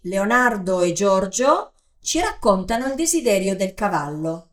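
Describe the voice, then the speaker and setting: Woman host, lively welcoming intro, roomy echo, off mic. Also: medium pitch, a little slow, far from the mic. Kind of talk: show introduction.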